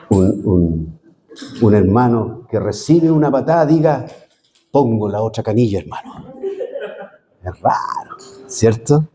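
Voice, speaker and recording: A middle-aged man preaching a sermon as pastor, animated, with sudden high swoops and chatty asides. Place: church sanctuary. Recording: long hall reverb.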